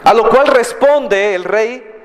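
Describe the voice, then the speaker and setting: A male pastor preaching a sermon in a church, telling the story in an animated way and acting out voices. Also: very high-pitched, takes it slowly, in a large hall.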